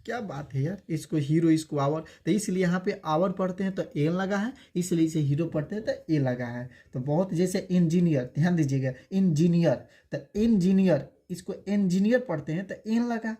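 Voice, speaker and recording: Mellow-voiced man teaching English basics. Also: sits high. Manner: repeats words slowly for drilling; calls students affectionate names. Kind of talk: spoken English lesson.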